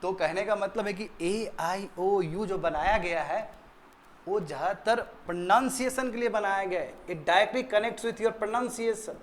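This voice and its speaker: High-voiced man teaching a class. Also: unhurried, a little hiss or hum. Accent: Indian English. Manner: quizzing students, repeating answers. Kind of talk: classroom grammar lesson.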